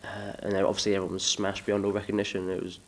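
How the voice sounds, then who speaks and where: Deep-voiced fast-talking young Englishman. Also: monotone. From England. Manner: rambling, chatty, self-deprecating. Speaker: musician, interview guest. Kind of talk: casual interview chat.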